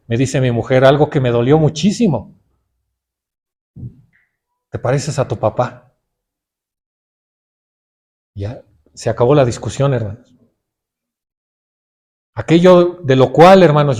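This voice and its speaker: A man's voice: medium pitch, darkish tone. A middle-aged man with a Mexican Spanish accent preaching a sermon, often calling his listeners brothers and putting questions to them.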